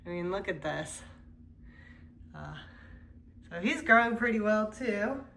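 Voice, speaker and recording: This is a slow, medium-pitched woman's voice. She hosts a plant channel and has a cold that leaves her congested, and she moves through her house chatting casually, full of fillers, in a laid-back home-tour vlog.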